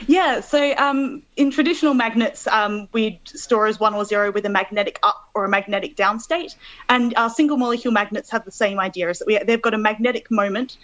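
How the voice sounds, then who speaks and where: A woman's voice: mid-range voice, a little fast, a bit bright, lo-fi sound. An Australian woman in her thirties from Adelaide, a guest scientist on a call-in interview, explaining step by step with frequent ums.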